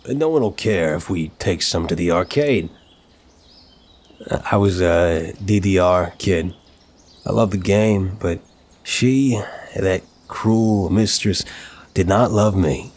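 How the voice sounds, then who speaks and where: Using a fairly low voice, a man plays a suave, playful young mafia boss in an intimate audio roleplay. He teases and smooth-talks, leaning on words for emphasis, with an amused, casual mood.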